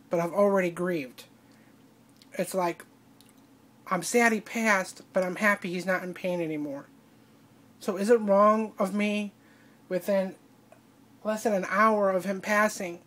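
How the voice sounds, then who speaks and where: A woman crying as she speaks in a personal video diary, halting and breaking off to restart her sentences. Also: medium pitch. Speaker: vlogger.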